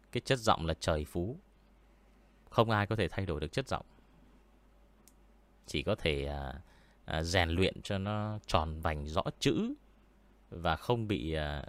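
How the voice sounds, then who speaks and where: A man with a deep voice, hosting a story-reading channel and chatting casually with viewers, unhurried and full of hesitant fillers. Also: animated, a bit bright, dry recording. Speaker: horror story reader and channel host. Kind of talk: casual livestream chat answering viewers. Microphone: studio mic with pop filter.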